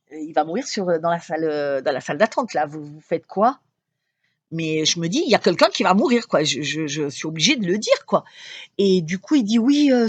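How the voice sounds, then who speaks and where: A middle-aged woman from France, a channeler talking casually to her followers, chatty and quick to laugh, with lively storytelling and frequent restarts. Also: on the low side, breathy edge, dry recording. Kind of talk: casual spoken monologue.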